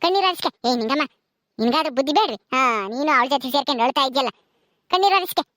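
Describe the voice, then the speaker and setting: A woman voicing an elderly village woman who scolds and consoles in drawn-out rural speech, in a village drama. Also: high voice, expressive, fairly bright tone, no echo, clean studio sound. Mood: consoling.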